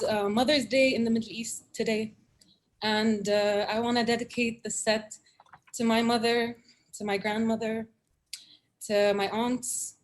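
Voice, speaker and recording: Talking first over a video call, a Syrian woman poet then moves into spoken word poetry, reading earnestly and at a measured pace with dramatic repetition. Her pitch is on the high side.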